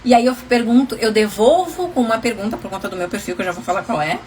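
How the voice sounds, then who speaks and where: A woman's voice: a little high, fast, darkish tone, slight background noise. A woman relationship coach giving casual advice on a livestream, chatty and often laughing, calling viewers endearing names.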